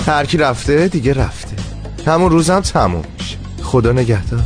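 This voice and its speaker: A man's voice: medium pitch, very animated, over music, natural voice. A man playing a teasing, gossipy friend. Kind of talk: dubbed TV drama.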